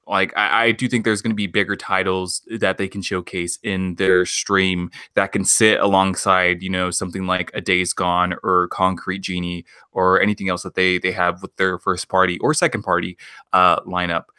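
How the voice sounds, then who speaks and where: A man talking as a podcast guest in casual chat, pausing often with ums and uhs. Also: low voice, level tone, bright, forceful tone, clean tone, no room sound, studio quality. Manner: hesitant, many ums and uhs.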